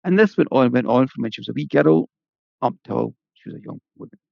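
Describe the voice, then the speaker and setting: A man's voice: mid-range voice, expressive, fairly quick, creaky, dry recording, highs cut off. A man with an Irish accent telling a folk tale aloud in a chatty, folksy way, with asides to the listener. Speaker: storyteller. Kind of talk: oral storytelling.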